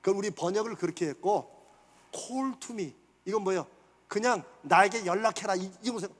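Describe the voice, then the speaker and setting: A man with a strikingly high voice delivers a sermon in a church sanctuary. He keeps putting questions to his listeners and then answers them himself. Long reverb from the hall trails after each phrase. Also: animated, normal speed. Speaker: pastor.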